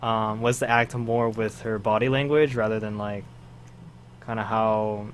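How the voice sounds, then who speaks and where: A man's voice: lowish voice, measured pace. Rambling podcast guy, faint noise behind. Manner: rambling, animated retelling with acted-out quotes. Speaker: podcast co-host. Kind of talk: casual chat.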